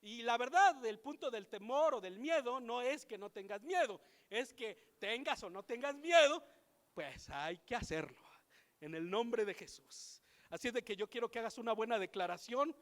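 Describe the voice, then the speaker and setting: A man with a Mexican accent preaches a sermon in a church hall, his very high voice bright and forceful. He moves between relaxed storytelling and emphatic exhortation. Long reverb from the hall trails behind every line. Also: moderate pace. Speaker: pastor. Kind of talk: sermon with personal anecdotes.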